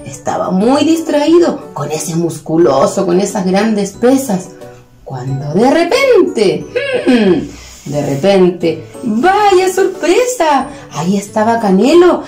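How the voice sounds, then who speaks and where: A Chilean preschool teacher tells a picture-theater story to young children in a lively, sing-song voice whose pitch keeps rising and falling. The echoey room carries soft background music.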